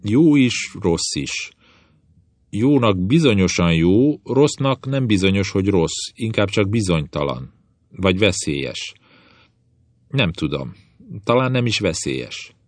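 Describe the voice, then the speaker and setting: A narrator lends his deep voice, lifted slightly higher, to a quiet, deferential envoy who chooses every word with care. The storybook character speaks gently and calmly, in a dry, close sound. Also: dry recording. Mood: hesitant. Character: quiet, calm, tactful envoy returned from abroad.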